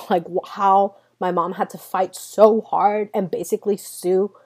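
With a medium-pitched, slightly mellow voice, a steady tone, and a measured pace, a native Spanish-speaking woman in her twenties hosts a solo podcast. She earnestly recounts personal stories while addressing listeners directly.

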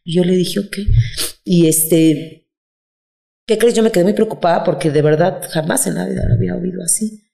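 A woman's voice: fairly low pitch, a little fast, vocal fry, mellow, reverberant. A woman anxiously retelling a phone call in an interview, repeating the dialogue word for word. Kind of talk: emotional recounting.

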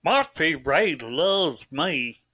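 A man playing a dim-witted, earnest rural brother who talks in a slow, ungrammatical backwoods drawl. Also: fairly high pitch, sing-song, pushed and bright, heavily acted.

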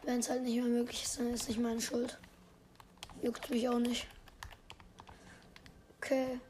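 Hoarse, cracking high teen voice. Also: female voice, a little slow, a little hiss or hum. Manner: slangy, loud and excitable, drops to whispers. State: strained, cracking voice. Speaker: gaming podcast host. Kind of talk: casual gameplay commentary.

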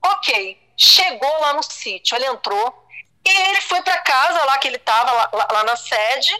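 A woman's voice: sits high, animated, unhurried, pushed and bright, poor audio. A middle-aged woman from Brazil telling a distressing personal story, with many restarts and repeated words. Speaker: guest telling her story.

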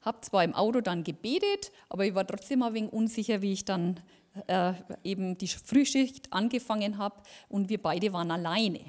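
A woman giving a lively personal testimony at a church service, acting out the dialogue as she tells it. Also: medium pitch, moderate pace. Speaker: lay speaker giving a testimony.

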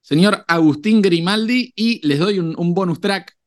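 A man hosts a laid-back sports podcast, playing quiz master in casual chat and speaking to his co-hosts with mock formality. His voice sits high and he keeps a measured pace.

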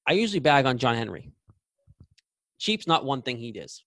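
A man's voice: mid-range voice, big pitch swings, moderate pace, a bit bright, dry recording, studio quality. A man in his twenties co-hosting a podcast, giving blunt, opinionated takes in casual chat. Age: 20s. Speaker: podcast co-host.

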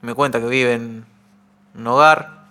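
A young man with an Argentine Rioplatense accent, telling a personal anecdote on a podcast in an animated way. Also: medium pitch, unhurried, a little hiss or hum. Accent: Argentine Rioplatense Spanish. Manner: animated, acts out quoted voices with shouts. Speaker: guest storyteller.

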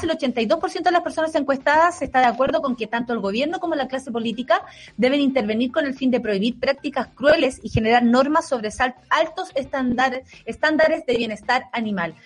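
A Chilean woman co-hosting a podcast, telling stories in casual, slangy chat and laughing often. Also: high voice. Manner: chatty storyteller, slangy and laughing. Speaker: podcast co-host.

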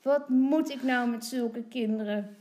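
A woman's voice: fairly high pitch, measured pace, reverberant, voice pushed up, natural voice. A woman playing a scolding cross mother. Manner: scolding, loud and sharp. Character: cross mother, strict and exasperated.

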